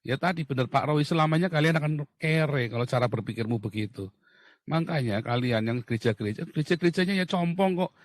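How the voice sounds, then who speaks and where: A man's voice: animated, quick pace, no echo, clean studio sound. Blunt, mocking man on a rant. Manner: loud outbursts then low muttering. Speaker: talk show speaker. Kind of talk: heated casual monologue.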